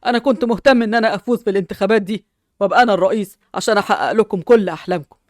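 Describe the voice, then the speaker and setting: A woman's voice: mid-range voice, rapid-fire, darkish tone, no echo, clean studio sound, close to an everyday voice. A woman with an Egyptian accent playing a man, a proud father just elected head of the city, who speaks in a firm, self-satisfied way.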